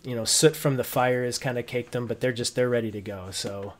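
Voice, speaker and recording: A man's voice: mid-range voice, steady tone, fairly quick. A man working as game master, narrating a tabletop roleplaying game informally and piecing descriptions together as he goes.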